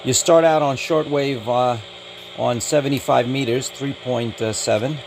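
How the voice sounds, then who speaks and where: A radio hobbyist gives a casual hands-on product review indoors, listing details matter-of-factly in short, clipped phrases. His mid-range voice is gravelly, steady, and a little slow, and the background is noisy.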